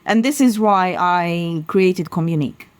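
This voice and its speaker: A woman's voice: lowish voice, measured pace, clean tone, no room sound. A middle-aged woman from Sudan, a consultancy founder answering interview questions in a passionate, emphatic way. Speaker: guest, sustainability consultancy founder.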